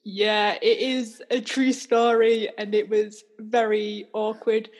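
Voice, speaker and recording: A young woman co-hosting a podcast, telling a story in a chatty, animated way and laughing often. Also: medium pitch, takes it slowly. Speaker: podcast co-host. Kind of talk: casual storytelling chat.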